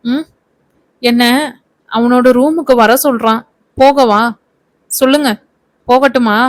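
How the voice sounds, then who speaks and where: A young actress in a spoken story, childish and hot-tempered, her complaints coming out indignant, as a woman reads her part. The voice sits a little high and moves in a narrow, even tune. It is recorded close and dry. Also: normal speed, dry recording, lightly acted. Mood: complaining.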